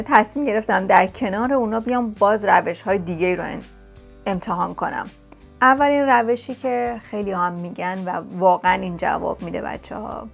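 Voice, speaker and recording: A woman's voice: mid-range voice, vocal fry. A woman vlogger giving language-learning tips in a casual, chatty way, often repeating words for emphasis. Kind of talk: casual talk to camera. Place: lives in England.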